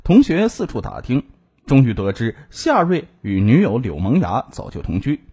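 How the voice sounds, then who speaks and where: A male storyteller narrates a true-crime tale in a husky, warm and dark voice. His pitch rises and falls widely and dramatically, and he draws out the particles at the ends of his sentences. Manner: expressive, with drawn-out sentence-final particles.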